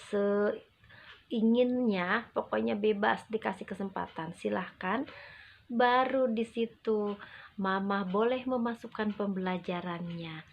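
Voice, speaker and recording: A woman teaches parents in a slow, medium-pitched voice. She over-enunciates, setting each phrase apart with emphasis and small pauses. The recording is dull and slightly lo-fi. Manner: acts out parent and child quotes. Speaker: early childhood educator. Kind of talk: instructional talk to parents. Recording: muffled, dull lo-fi audio.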